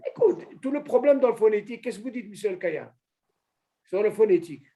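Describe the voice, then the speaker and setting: A man teaching an informal religious lesson to a small group, animated, asking questions and calling on a student by name. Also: high-pitched, a little fast. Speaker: Torah teacher.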